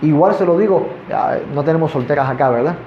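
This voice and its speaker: A man with a high-pitched voice preaches a sermon, asking his congregation rhetorical questions. The recording is echoey and dull, with faint noise underneath. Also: fast. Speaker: pastor. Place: church in front of a congregation.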